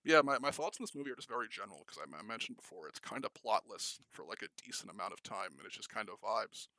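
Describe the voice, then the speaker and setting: A man's voice: fairly low pitch, expressive, quick pace, vocal fry, bright, forceful tone, no room sound. A young man co-hosting a podcast, talking casually and enthusiastically about films, rambling with many fillers and restarts. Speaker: podcast co-host. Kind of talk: casual film discussion.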